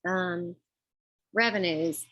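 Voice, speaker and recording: A woman gives a semi-formal financial report on a group call, speaking politely and informally with hesitant pauses. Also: on the low side, fairly bright tone, no room sound, studio quality. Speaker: finance committee treasurer presenting budget report.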